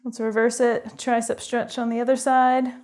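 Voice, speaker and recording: Young canadian woman leading a home workout, cheery encouraging cues, calm stretch instructions. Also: a little high, moderate pace. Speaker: fitness instructor.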